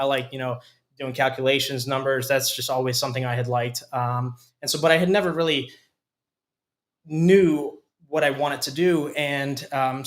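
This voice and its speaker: Man, 20s, from Hungary, studio guest, hesitant, lots of ums, mid pitch. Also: a bit bright. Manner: hesitant, many fillers and restarts. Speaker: company COO, guest. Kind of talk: casual interview talk.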